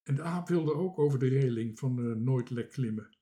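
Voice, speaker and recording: A man reading a children's book aloud with expressive storytelling. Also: medium pitch, normal speed. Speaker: reader.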